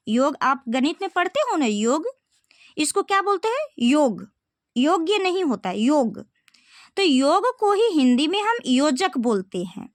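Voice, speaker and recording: High, lively woman teaching grammar. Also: no echo, clean studio sound. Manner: explains step by step, asks rhetorical questions to students. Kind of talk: classroom-style video lesson.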